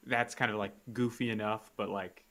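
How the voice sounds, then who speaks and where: Guy with a bright sharp voice, chatty podcast cohost, jokes around and gives quick takes. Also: lowish voice, level tone. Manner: chatty and joking, quick opinions. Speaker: podcast co-host. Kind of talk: casual sports podcast chat.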